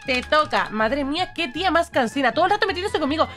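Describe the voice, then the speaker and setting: Animated, sarcastic young Spanish woman. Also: high voice, quick pace, faint music behind. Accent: Spain Spanish. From Spain. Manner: animated, sarcastic, playfully dramatic. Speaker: gaming youtuber. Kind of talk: casual gameplay commentary.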